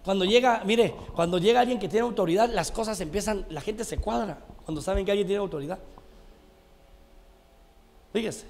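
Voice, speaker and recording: A man preaching with a high, gravelly voice, talking straight to his congregation as brothers. He tells stories while teaching. Long hall reverb trails behind every phrase. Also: moderate pace, long pauses, darkish tone. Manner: preachy, addresses listeners as brothers. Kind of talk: TV sermon with anecdotes.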